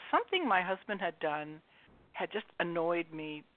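A woman author, appearing as a radio guest over a dry, tinny phone line, tells stories in casual chat and laughs at herself. Her voice is fairly low and sing-song, at a moderate pace.

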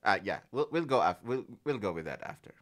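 Guy on a music stream chatting w viewers, lively pitch, laughs a lot, trips over words. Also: fairly quick. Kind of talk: casual live-stream chat.

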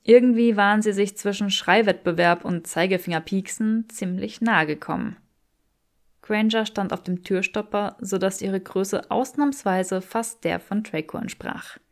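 Woman, fan fiction audiobook narration, calm steady storytelling, middle pitch. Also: unhurried. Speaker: audiobook reader.

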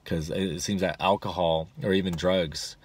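A man's voice: sits low, steady tone, normal speed, no room sound. A man in his forties, a rideshare driver, giving casual advice to a dashboard camera in his car, rambling with many fillers and restarts. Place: inside a parked car.

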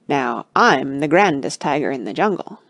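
Lady doing a big greedy storybook tiger, low growly creaky voice, bossy and full of himself. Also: very animated, moderate pace, no room sound, full character voice. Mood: boastful. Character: boastful, menacing, greedy male tiger. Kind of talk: children's storybook character voice.

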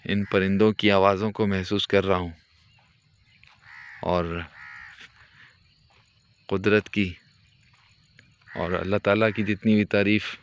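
A man gives calm, devout, descriptive commentary while walking a foggy rural track, filming on a handheld phone. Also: low-pitched, slow pace, long pauses, smooth, lo-fi sound.

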